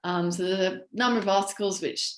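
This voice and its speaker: A woman from the platform team giving a webinar walkthrough while sharing her screen, steady and explanatory with filler ums. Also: medium pitch, brisk, roomy sound.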